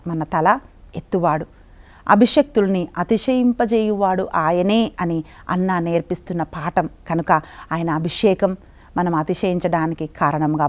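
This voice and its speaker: A middle-aged woman preacher giving a sermon and leading a fervent, pleading spoken prayer. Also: on the low side. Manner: fervent, pleading prayer with repeated address to God.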